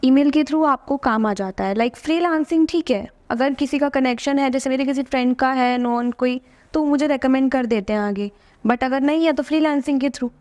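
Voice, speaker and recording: A woman's voice: high-pitched, moderate pace, a little mellow. A young woman in her early twenties, a model and influencer, chatting confidently as a podcast guest and mixing English into her talk. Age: 20s. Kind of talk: casual interview chat.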